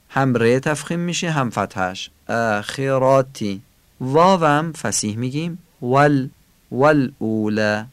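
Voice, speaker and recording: A man teaching a Quran recitation lesson, calmly explaining pronunciation rules and slowly drawing out example words. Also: lowish voice, creaky, no echo.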